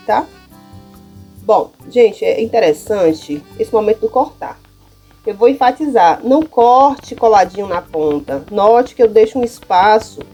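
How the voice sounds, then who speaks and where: A woman's voice: on the high side, warm tone. A Brazilian woman teacher with a Brazilian Portuguese accent, walking through classroom material in a casual, chatty way and often checking in with her listeners. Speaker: primary school teacher. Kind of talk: casual how-to demonstration.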